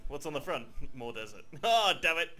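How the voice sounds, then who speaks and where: Lively joking man over game music. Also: on the high side. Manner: joking, quick to laugh. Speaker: gamer. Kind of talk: casual multiplayer voice chat.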